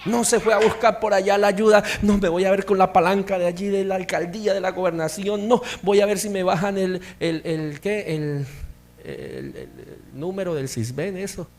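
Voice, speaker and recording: High-voiced man preaching a fervent sermon. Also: animated, moderate pace, darkish tone. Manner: preaching with rising, emphatic bursts. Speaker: pastor. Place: church hall.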